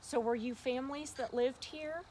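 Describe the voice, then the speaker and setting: A paranormal investigator host leads a spirit box session, voicing questions to spirits and repeating herself a lot. Her voice sits high yet has a dark tone, at a moderate pace, and the recording carries noise and clicks.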